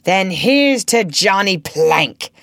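A woman's voice: mid-range voice, sing-song, slow, fairly bright tone, no room sound, studio quality, voice pushed up, heavily acted. A woman voicing a sardonic male pirate captain in a storybook reading, theatrical and full of mock-pleasant menace. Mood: brazen. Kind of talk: storybook narration character voice.

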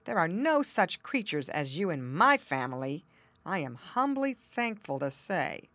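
A woman's voice: lowish voice, sing-song, unhurried, fairly bright tone, no room sound. A woman voicing a vain male tomcat who speaks in a haughty, disdainful way in a storybook reading.

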